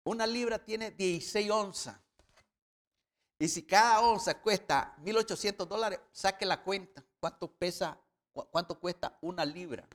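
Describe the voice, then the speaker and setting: Man preaching, high voice, emphatic, explains with sums. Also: moderate pace. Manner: teaching with sums, rising to loud emphatic retelling. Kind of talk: sermon.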